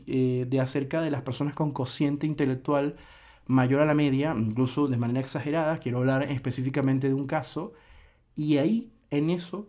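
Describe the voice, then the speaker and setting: A man's voice: fairly high pitch, mellow. A man hosting a solo podcast, lecturing earnestly in a reflective monologue with frequent restarts. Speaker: podcast host.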